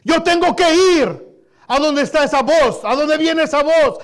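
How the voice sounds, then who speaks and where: A man's voice: very high voice, unhurried, pitched above the performer's own voice. A male pastor acting out the voice of Lazarus, a bound man just raised from death, speaking eagerly inside a sermon.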